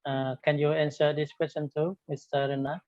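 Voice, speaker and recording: A man hosting an online English discussion, speaking haltingly and repeating his phrases. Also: a little high, flat delivery, darkish tone, dry recording. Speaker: discussion host. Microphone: online call. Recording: narrow, phone-like online call.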